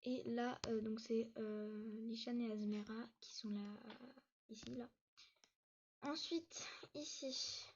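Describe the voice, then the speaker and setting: A woman with a slightly high voice narrates a casual walkthrough of her game map. She hurries, stumbles on fillers and restarts, and sounds a little short of breath. The recording is dull and muffled, like a cheap mic. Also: steady tone, a little hiss or hum. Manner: hesitant, many fillers and restarts; talks fast, says she struggles to catch her breath. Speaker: YouTuber giving a tour of her game map. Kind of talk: casual gameplay tour narration.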